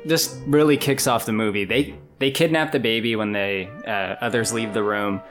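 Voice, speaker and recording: A man hosting a casual movie-review chat, relaxed, recapping the plot and laughing easily. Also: fairly low pitch, normal speed, soft background music.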